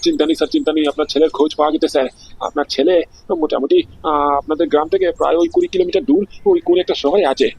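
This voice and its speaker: Flustered underling played by a man, husky voice, fast, keeps calling the boss sir. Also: a little high, lively intonation, a little mellow, heavily acted. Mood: nervous. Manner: polite, fumbling, addresses boss as sir. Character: deferential male employee reporting to boss.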